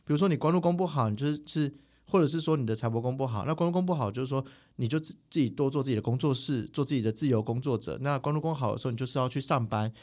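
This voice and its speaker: Fast-talking man, animated storyteller. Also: medium pitch. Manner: animated, quick, mimics people mid-story. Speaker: guest, spiritual teacher. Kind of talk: casual interview storytelling. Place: podcast recording studio.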